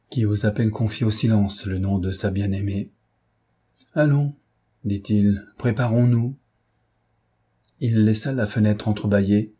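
A man narrating a novel as an audiobook in a measured, dramatic way. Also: on the low side, warm tone, slightly rough.

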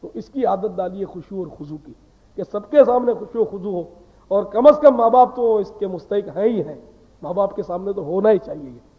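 A man preaching a sermon in a high voice, admonishing his listeners in an earnest, conversational way. He sounds thin and tinny, as if heard over a phone line, with a long reverb trailing behind each phrase like in a big hall. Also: lively intonation. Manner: conversational, earnest admonishing lecture with rhetorical questions.

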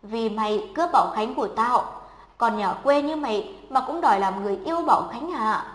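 A woman's voice: moderate pace, a bit bright, close to an everyday voice. A woman voicing a spiteful schoolgirl bully. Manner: shrill, insulting, commanding. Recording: echoey room with long reverb.

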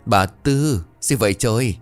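A man's voice: lowish voice, unhurried, faint music behind, natural voice. A man voicing an anxious older rural husband in a ghost story, who calls out with a trembling voice. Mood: panicked.

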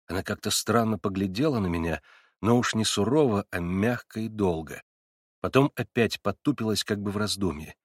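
A man narrating a classic novel in the first person, in a measured and earnest way. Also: lowish voice, no room sound, studio quality. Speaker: audiobook narrator. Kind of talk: literary audiobook reading.

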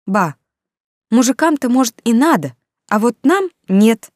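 A woman's voice: a little high, sing-song, measured pace, a little mellow, no room sound, voice pushed up. A woman voicing a reserved, sober-minded young single mother who speaks wryly, in a dry close reading. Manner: wry, reserved.

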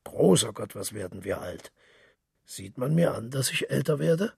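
A man voicing a boisterous, hard-drinking middle-aged male journalist, loud and boastful, with a gravelly, raspy voice. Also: medium pitch, animated, normal speed, no echo, clean studio sound, full character voice. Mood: hearty.

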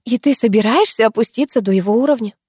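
A woman's voice: on the high side, fast talker, a little mellow, slightly rough, no echo, clean studio sound, pitched above the performer's own voice. A woman reading a stern, sensible young woman who scolds her friends. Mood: reproachful. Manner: reproachful, stern.

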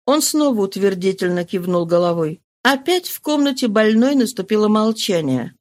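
A woman narrating an audiobook in a measured, even reading. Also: medium pitch.

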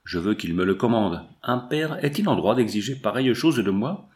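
A man's voice: fairly low pitch, expressive, normal speed, darkish tone, lightly acted. Male reader as passionate young lady, storybook, impassioned. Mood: defiant. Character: young noblewoman, passionate and defiant.

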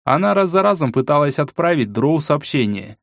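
A man narrating an audiobook in an expressive storytelling way. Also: fairly high pitch, moderate pace, gravelly, no room sound, studio quality. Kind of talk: scripted narration.

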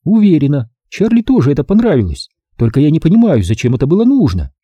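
Brief: sugary, flirtatious actress, pitched way up as a man reads her in an audiobook. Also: very animated, fast, warm tone, husky, no room sound, muffled recording. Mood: cooing. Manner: coaxing, sugary. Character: cooing, flirtatious woman film star.

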